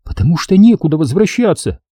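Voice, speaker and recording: A bold, sharp-tongued young woman who shrieks in fear and barks orders in a high, strained voice, put on by a male audiobook reader. The tone stays husky and dark, read close and dry. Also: sing-song, fairly quick, no room sound. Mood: terrified. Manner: shrill pleading turning to fierce barking.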